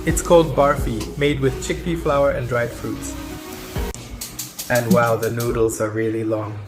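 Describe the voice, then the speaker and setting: A man's voice: medium pitch, little pitch movement, unhurried. A man vlogging casually, commenting on food and family for his viewers. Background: music, clinking dishes.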